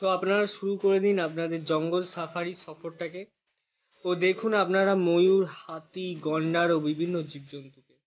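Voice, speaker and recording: Male travel host, voice a bit high, scripted guide read for viewers. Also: fairly even intonation, normal speed, lo-fi sound. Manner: addresses viewers as friends, lists costs and routes.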